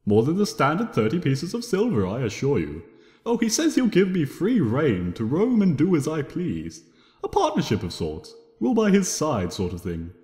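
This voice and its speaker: Reading a first-person fan fiction story, this narrator takes on a playful, theatrical trickster manner. His mellow voice is fairly high, with huge pitch swings and a moderate pace. A long echo fills the reverberant room.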